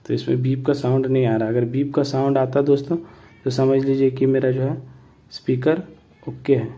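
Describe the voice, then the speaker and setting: A man explaining a repair step by step in a plain tutorial manner, often pausing to check in with viewers. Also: medium pitch, little pitch movement, mellow. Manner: plain explanatory, repeats "ठीक है" and "दोस्तों".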